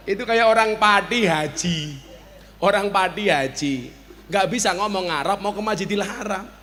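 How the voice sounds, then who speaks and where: A man with a Javanese accent preaching a humorous sermon, joking and bantering with the audience and now and then breaking into shouts. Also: high-pitched. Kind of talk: humorous sermon at a village gathering.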